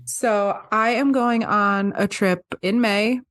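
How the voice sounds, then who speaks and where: A woman's voice: medium pitch, slow. A young woman from upstate New York, co-hosting a podcast in a casual, chatty way with frequent laughs. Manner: chatty, laughs often, animated storytelling. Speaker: podcast co-host. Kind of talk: casual chat.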